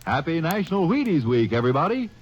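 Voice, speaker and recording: A man's voice: fairly high pitch, big pitch swings, fast talker, lo-fi sound, over loud music. A man announcing on 1950s radio, delivering a sponsor spot in an upbeat, showy way.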